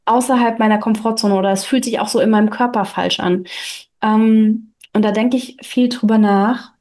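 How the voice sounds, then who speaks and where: A woman who reads a story aloud and then reflects on it in conversation, thinking aloud with pauses and fillers. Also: a little high, steady tone, a little mellow. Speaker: reader and host.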